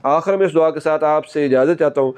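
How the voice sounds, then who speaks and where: A man's voice: a little high, darkish tone, smooth. Patient man teaching Quran recitation. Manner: patient, repeats each word slowly many times. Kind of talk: tajweed lesson.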